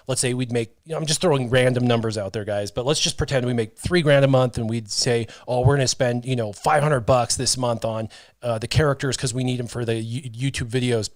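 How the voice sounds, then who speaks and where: Sitting at a stand-mounted studio mic with headphones in a small brick-walled studio, a man in his thirties runs a casual livestream chat, telling animated stories and reading viewer comments. His mid-range voice keeps a fairly even intonation and a fairly quick pace, with no echo.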